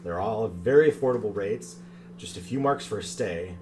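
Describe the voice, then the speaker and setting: Man doing a woman's voice as a creaky little old goblin lady. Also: lowish voice, normal speed, background noise, natural voice. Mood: sweet, doting. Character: kindly tiny old goblin lady innkeeper.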